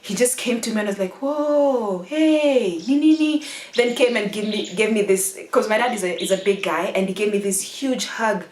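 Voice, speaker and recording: A woman's voice: medium pitch, steady tone, brisk, few pauses. A Kenyan woman vlogger telling a personal story candidly and emotionally, laughing often as she tells it. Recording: echoey room.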